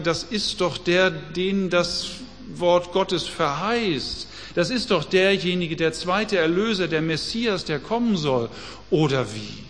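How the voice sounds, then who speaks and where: Preacher with a high voice in a reverberant hall. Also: male voice, a bit bright. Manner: reads scripture aloud slowly and deliberately. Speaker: pastor. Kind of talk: sermon.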